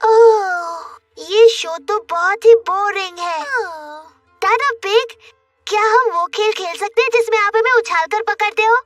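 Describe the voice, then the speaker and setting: A performer voicing a cheerful, playful little girl piglet in a children's cartoon, childlike and excitable. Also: extremely high pitch, measured pace, far from the mic, music in the background. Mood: playful, pleading. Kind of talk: children's cartoon dub in Hindi.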